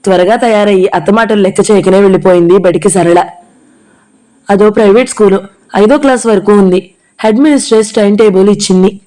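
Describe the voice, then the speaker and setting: A reader narrating an audio novel aloud in a steady storytelling manner. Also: female voice, mid-range voice, fairly quick, low-quality recording.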